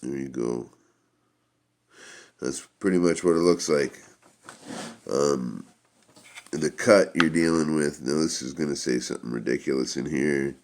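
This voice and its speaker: A man giving a casual product review in a rambling, halting way. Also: extremely low pitch.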